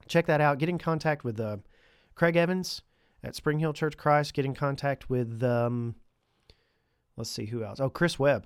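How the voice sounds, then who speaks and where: A man's voice: mid-range voice, clear, resonant tone, dry recording, clean studio sound. A man with a stuffy nose hosting a podcast on his own, chatting casually and conversationally with lightly joking asides. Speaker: podcast host. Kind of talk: casual solo podcast talk.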